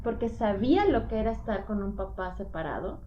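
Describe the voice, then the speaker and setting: A woman, a mother telling her own story in a casual podcast chat, animated and quick to act out what others said. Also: mid-range voice, slight background noise. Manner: animated storytelling, acts out quoted dialogue. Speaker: podcast co-host sharing divorce experience. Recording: dull lo-fi audio.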